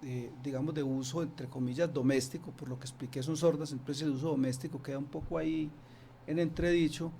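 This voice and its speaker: Interviewed in a radio studio, a snake expert from Antioquia, Colombia, explains casually, often restarting and using fillers. He sounds a little high, steady, brisk, creaky, and mellow, with slight background noise.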